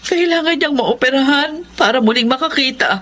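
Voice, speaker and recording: A woman's voice: sits high, brisk, a little hiss or hum. An actress playing a poor, devoted wife and worried mother in a Filipino radio drama, sincere and plaintive. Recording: loud dramatic music behind the voice.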